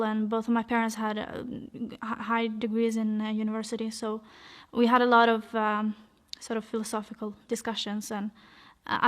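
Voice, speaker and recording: A young woman from Norway telling her life story in a casual, hesitant way, with many fillers and restarts. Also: a little high. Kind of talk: personal testimony, casual.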